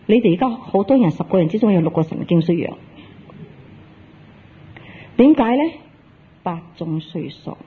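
A Buddhist preacher gives a Dharma talk in a very raspy, husky voice. The delivery is animated, with a pitch that leaps up and down while the teacher acts out dialogue and quizzes the listeners. The sound is thin and tinny, like a lo-fi phone recording. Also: moderate pace, pauses often. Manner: animated storytelling, acting out dialogue and tossing questions at the audience.

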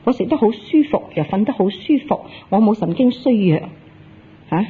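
A Buddhist preacher gives a Dharma talk in a very raspy, husky voice. The delivery is animated, with a pitch that leaps up and down while the teacher acts out dialogue and quizzes the listeners. The sound is thin and tinny, like a lo-fi phone recording. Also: moderate pace. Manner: animated storytelling, acting out dialogue and tossing questions at the audience.

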